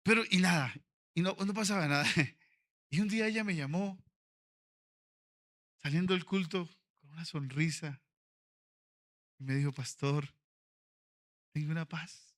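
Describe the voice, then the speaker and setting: Fervent, bright-voiced male pastor. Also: on the high side, a little slow, long pauses. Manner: animated preaching, swinging from quiet storytelling to fervent shouting. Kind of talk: sermon. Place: convention auditorium.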